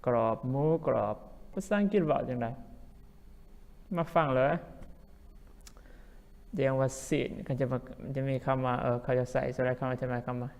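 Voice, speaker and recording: A man's voice: mid-range voice, a little mellow. A man teaching English vocabulary as a language teacher, who repeats each word several times. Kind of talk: vocabulary lesson. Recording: long hall reverb.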